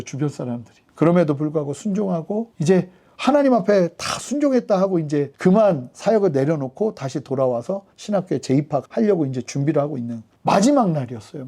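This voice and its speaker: High, gravelly-voiced male pastor preaching. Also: mellow. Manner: storytelling, rising to fervent emphasis. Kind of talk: sermon.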